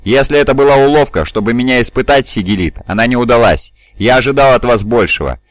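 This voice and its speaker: A man's voice: medium pitch, animated, quick pace, no echo, lightly acted. A man voicing a huge, stern warrior bodyguard.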